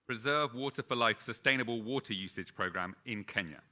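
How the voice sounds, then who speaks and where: A man's voice: mid-range voice, brisk, very noisy. A man co-presenting an awards ceremony, reading nominees from a script with small stumbles. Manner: reads with small stumbles and restarts.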